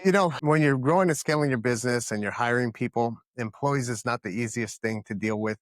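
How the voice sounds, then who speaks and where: A Dominican man in his thirties, a company founder appearing as a podcast guest, answers interview questions earnestly and emphatically, often restarting his words. His medium-pitched voice is brisk, and the recording is dry.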